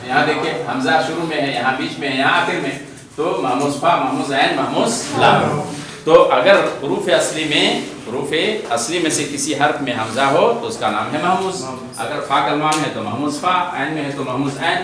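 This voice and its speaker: A man's voice: fairly high pitch, animated. A man teaching a grammar class to students with an Indian Urdu accent. He asks questions and answers them himself, repeating terms over and over. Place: large classroom hall with students. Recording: very echoey hall, distant mic, crowd noise.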